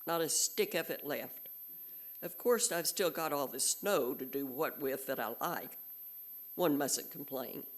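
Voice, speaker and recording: A woman reading a storybook aloud and voicing a melancholy old male donkey in a slow, mournful way. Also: deep voice.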